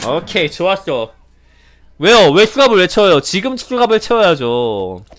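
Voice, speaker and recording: A young man giving excited game commentary as a streamer, pleading, laughing and repeating himself. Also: high-pitched, a little hiss or hum. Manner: animated, pleading and laughing, repeats phrases rapidly. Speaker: gaming streamer.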